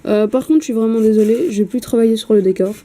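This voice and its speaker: A woman talks fast while painting a miniature in a casual home vlog, chatty and hesitant, sprinkling in fillers and casual swearing. Her voice is very dark and mellow yet fairly high in pitch, picked up by a camera mic at her painting desk.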